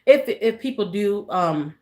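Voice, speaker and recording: A woman's voice: medium pitch, expressive, a little slow, warm tone. A middle-aged woman hosting a casual live stream. She greets viewers by name, repeats her phrases and talks earnestly and emotionally about grief. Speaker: livestream host.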